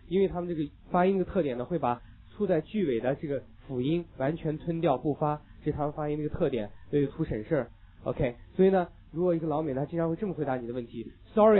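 A man lecturing an English listening class at a rapid clip, stressing and repeating the key points with the odd wry joke. His voice sits a little high for a man. The recording is thin and tinny, like a phone line. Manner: emphatic, repeats key points, joking asides.

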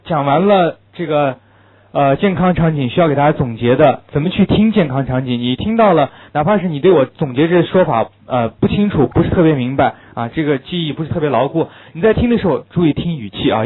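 A man's voice: a little high, expressive, fast, slightly rough. A man teaching an English listening class in a lecture style, stressing and repeating key points. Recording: tinny phone-like lo-fi recording.

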